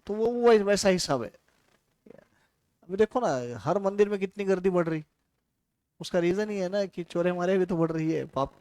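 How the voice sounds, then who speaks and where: A man's voice: fairly high pitch, darkish tone, no room sound. A man from India giving a casual, chatty classroom lecture, telling stories and asking his students questions.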